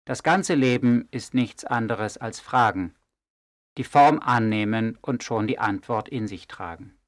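Male actor as a wise, gently teasing older scholar, even middle voice. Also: medium pitch, no room sound, studio quality, natural voice. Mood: calm. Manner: calm, measured, gently ironic. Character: calm wise male archivist, mild and teasing. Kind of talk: audio drama acting.

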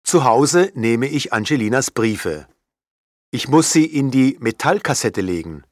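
Male first-person narrator, introspective, unhurried, dry studio booth. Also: mid-range voice, lively intonation, dry recording. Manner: slow, intense, introspective.

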